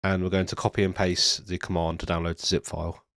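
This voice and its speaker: A man's voice: sits low, fast, dry recording. A man narrating a screen-recorded coding tutorial step by step, ill and with a nasal, stuffy voice, speaking into a studio microphone. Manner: steady step-by-step explaining with occasional ums. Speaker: tutorial presenter. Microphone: studio USB microphone.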